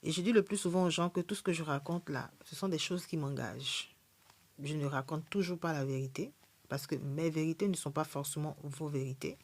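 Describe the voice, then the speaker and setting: A woman with a low, deep voice and an accent hosts a spiritual live stream. She speaks bluntly and defiantly. She keeps checking in with her viewers. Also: brisk, a little mellow. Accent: non-native French accent. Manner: blunt and defiant, repeats "ok?" to the audience. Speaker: spiritual livestream host.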